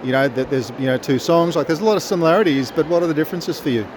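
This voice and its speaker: A man's voice: on the high side, racing. An Australian man hosting a casual on-the-spot podcast interview, chatty and hesitant as he shapes his questions. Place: busy convention venue. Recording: noisy location recording, busy venue ambience.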